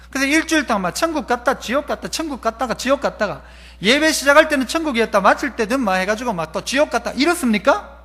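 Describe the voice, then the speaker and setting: A man's voice: extremely high pitch, pushed and bright. A male pastor, preaching a sermon and asking the congregation question after question. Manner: acts out quoted voices. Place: church sanctuary.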